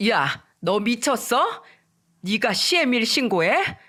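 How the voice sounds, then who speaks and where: A woman voicing a furious, bullying older mother-in-law who scolds in a shrill, raised voice. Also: big pitch swings, slow pace, pushed and bright, heavily acted.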